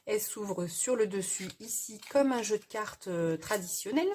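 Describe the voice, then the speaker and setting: A woman hosting a casual crafting tutorial, explaining step by step in a hesitant way with frequent pauses and fillers. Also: mid-range voice, animated, a little mellow, a little hiss or hum.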